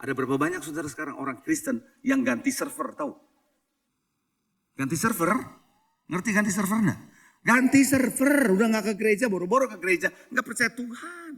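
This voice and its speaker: Bright, high-pitched preaching man. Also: expressive, brisk. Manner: preaching with stories, dropping English phrases, asking the congregation questions. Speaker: pastor. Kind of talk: sermon. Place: church hall.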